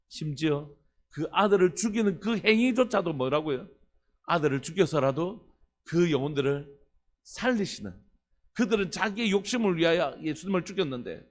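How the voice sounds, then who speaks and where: A pastor preaching an earnest early-morning sermon, putting questions to the congregation. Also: male voice, fairly high pitch.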